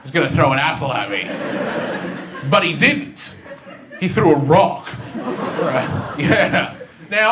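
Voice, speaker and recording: An Australian man telling stand-up stories to a live audience, with a high, bright voice that swings widely in pitch. He talks in an animated way and jumps into quick character voices. A faint murmur hangs behind him. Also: a little hiss or hum. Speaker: stand-up comedian. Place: school theatre before a live student audience.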